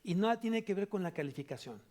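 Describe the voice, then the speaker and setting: A man with a Mexican Spanish accent preaching a sermon in church as pastor, emphatic, repeating key phrases and moving between loud and soft delivery. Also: high-pitched, animated, fast talker. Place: church sanctuary.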